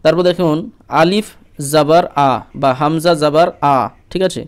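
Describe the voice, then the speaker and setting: Male Quran tutor, crisp and resonant, a bit high-pitched, drills letters patiently. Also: steady tone, normal speed. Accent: Bengali. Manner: patient, repeats letters and asks "ঠিক আছে?" often. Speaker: Quran reading teacher. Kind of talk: step-by-step recitation lesson.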